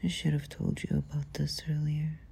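A young woman speaking softly and hesitantly into a close mic, often whispering, in an ASMR girlfriend roleplay. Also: sits low, flat delivery, moderate pace, gravelly, slightly rough.

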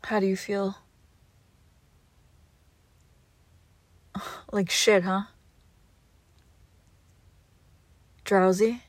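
A young woman playing a devoted girlfriend who nurses her sick partner, coaxing and protective, often dropping to a hush. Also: mid-range voice, flat delivery, unhurried, no echo, lightly acted. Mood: tender. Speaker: audio roleplay performer. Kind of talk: audio roleplay addressed to the listener.

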